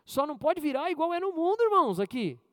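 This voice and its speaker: In a chatty sermon, this male preacher mixes humor and anecdotes from his life, poses questions to his listeners, and shifts from loud, high-pitched outbursts to soft asides. His delivery is quick and sing-song, recorded with no room sound.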